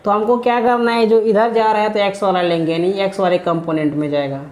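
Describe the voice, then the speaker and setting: A man's voice: high voice, fairly even intonation, quick pace, roomy sound. A man teaches a physics lesson to a class in a patient, drilling way. He throws out a question, answers it himself, and keeps repeating the key terms so they stick.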